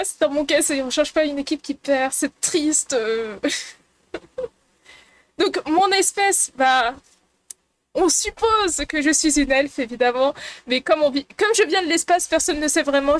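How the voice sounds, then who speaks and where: A woman with a high, bright-pitched voice hosts a casual live stream, chatting with her viewers. She talks playfully and giggles often, teasing her chat. She is recorded on a desk mic at her computer.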